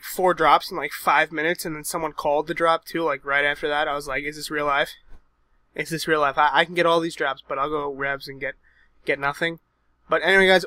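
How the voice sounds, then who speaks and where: A young man with a bright, fairly high voice gives casual gameplay commentary into a desk microphone. He talks loosely, swears often and drifts into annoyed little rants. The sound is dry and close. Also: dry recording. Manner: loose, swearing a lot, frustrated asides. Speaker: gaming video host.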